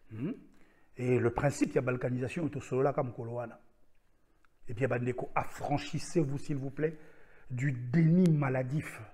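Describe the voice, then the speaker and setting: A man giving an impassioned political address to his followers, emphatic and repetitive, with sudden loud bursts. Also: medium pitch, husky.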